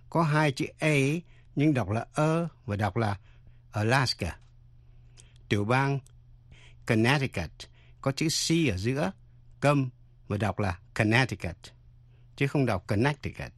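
A man's voice: mid-range voice, lively intonation, unhurried, long pauses, dry recording. A man hosting a radio language lesson, carefully spelling out words letter by letter. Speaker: English teacher and radio host.

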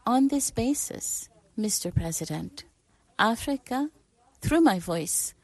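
A woman giving live simultaneous interpretation of a formal speech, pausing and restarting with fillers as she keeps up with the speaker. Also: mid-range voice, a little mellow. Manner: halting, with pauses, fillers and restarts while interpreting.

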